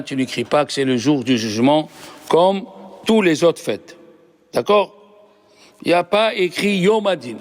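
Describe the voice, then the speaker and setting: A man, a rabbi, teaching a Torah class, asking the class questions and explaining patiently. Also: fairly high pitch. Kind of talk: lively Torah lesson.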